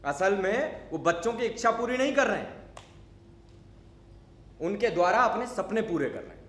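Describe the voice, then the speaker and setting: A man's voice: high-pitched, lively intonation, moderate pace, fairly bright tone, reverberant. A man acting a grumpy, unsociable neighbor in a stage monologue, talking in a scolding, sarcastic, lecturing way. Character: grumpy unsociable male neighbor, middle-aged. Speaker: stage actor. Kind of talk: theatrical monologue.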